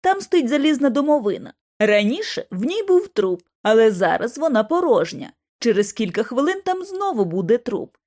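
A woman reading an audiobook, voicing a cool, commanding young man who leads a small agency, speaking calm and measured. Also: on the high side. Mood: threatening. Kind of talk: audiobook character voice.

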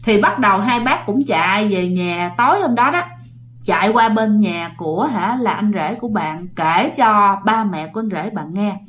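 A woman's voice: mid-range voice, animated, moderate pace, fairly bright tone, slight background noise. A woman telling a ghost story casually, talking straight to her listeners. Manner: chatty, addresses listeners directly.

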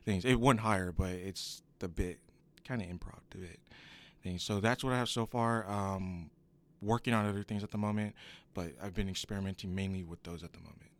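A man's voice: low-pitched, fairly even intonation, brisk. A young man, an acting student, answering questions in a radio interview, rambling and correcting himself as he goes. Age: young adult. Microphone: studio microphone.

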